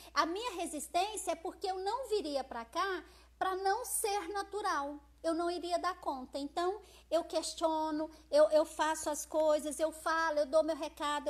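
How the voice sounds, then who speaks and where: A Brazilian woman with a Brazilian accent, talking loudly and expressively to viewers on a phone live stream. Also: very high voice, moderate pace. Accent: Brazilian Portuguese. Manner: loud, forceful, expressive, chatty, reads out viewer comments. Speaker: social media live host. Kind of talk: casual live-stream talk.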